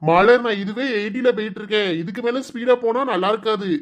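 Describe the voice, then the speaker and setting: A man's voice: high-pitched, fast, close to an everyday voice. Man doing a meek apologetic cartoon husband. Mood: cautioning. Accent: Kanyakumari Tamil. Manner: pleading, soothing, apologetic. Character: patient apologetic young village husband. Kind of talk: cartoon comedy voice acting.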